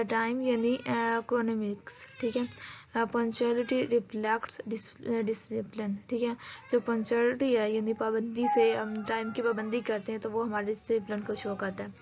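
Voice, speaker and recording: A woman lecturer going over exam material. She mixes in English terms, says "ठीक है" again and again, and fills her pauses with "uh". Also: a little high, darkish tone.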